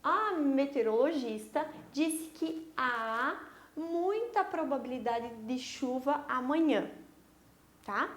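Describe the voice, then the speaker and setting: A woman's voice: sits high, animated, slow pace. A woman teacher giving a recorded online grammar lesson to young pupils, explaining step by step and checking in with short tag questions. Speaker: primary school teacher.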